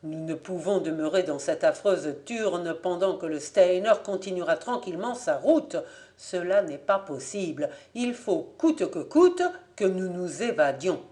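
A fiery young Parisian apprentice, as a woman reader puts him on for a storybook recording. He talks in exclamations and streetwise slang, with a lowish voice and a slow, deliberate pace. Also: animated, warm tone. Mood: determined. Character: hot-headed young Parisian apprentice man.

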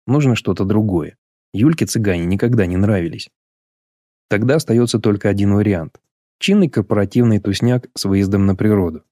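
Dark-voiced male audiobook narrator. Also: on the low side, no room sound, studio quality. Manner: even, measured reading. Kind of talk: scripted narration.

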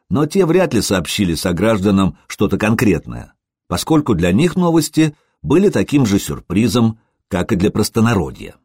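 A man narrating an audiobook in a measured, expressive way. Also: lowish voice, slightly rough, no room sound, studio quality.

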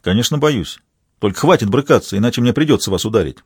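A man reading an audiobook, voicing a broad-shouldered detective of about forty who speaks calmly and politely. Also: mid-range voice, breathy edge, no echo, clean studio sound. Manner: calm, polite, measured.

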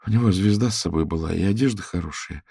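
A man reading a distraught young male student in an audiobook, voicing him as halting, with a breaking voice. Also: low-pitched, creaky, warm tone, breathy edge, no echo, clean studio sound, exaggerated voice. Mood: subdued.

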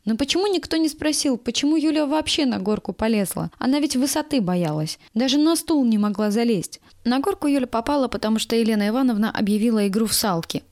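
A woman reading a first-person story aloud in a steady, even storytelling manner. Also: a little high, quick pace, hardly any pauses, no echo, studio quality. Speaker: narrator. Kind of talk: first-person audiobook narration.

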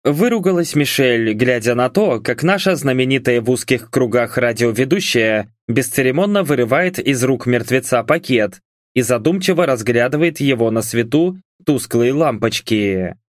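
A man's voice: mid-range voice, expressive, normal speed, no room sound. A man narrating a first-person audiobook with a dry, wry delivery.

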